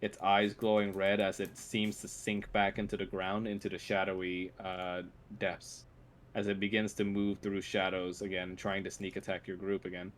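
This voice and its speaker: A man narrating a tabletop role-playing game as game master in an informal, halting way. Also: low voice, monotone, a little hiss or hum.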